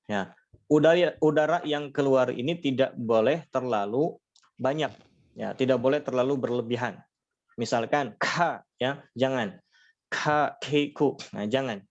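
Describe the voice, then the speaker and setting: Patient man teaching recitation. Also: medium pitch. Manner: patient explaining, frequent fillers, demonstrates sounds slowly. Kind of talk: online lesson. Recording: slightly dull lo-fi audio.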